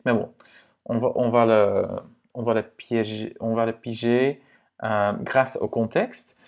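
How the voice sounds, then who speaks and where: Male language teacher, slow gravelly delivery, casual and chatty, lots of check-ins with the viewer. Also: lowish voice. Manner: relaxed, filler-heavy explaining to the viewer, with frequent "hein" and "ok". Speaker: Dutch pronunciation teacher. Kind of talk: casual explanatory lesson.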